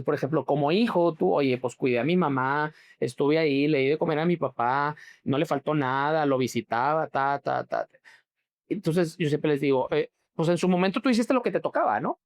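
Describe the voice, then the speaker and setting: A man with a Mexican accent, a grief therapist, explaining as an interview guest and often checking that he is understood. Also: a little high. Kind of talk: interview answers.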